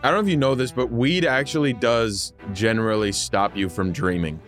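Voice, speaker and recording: A man with an average-pitched voice takes part in a tabletop game. He chats casually and jokes with the group over faint background music. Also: a little fast, fairly bright tone. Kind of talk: casual joking game chat.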